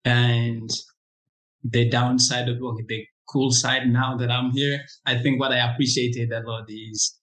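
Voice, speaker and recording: A young man from Congo, an interview guest, telling his own story in a reflective, halting way with frequent restarts. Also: mid-range voice, level tone, a bit bright, low-quality recording. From Democratic Republic of Congo. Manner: reflective, halting, many restarts and "you know".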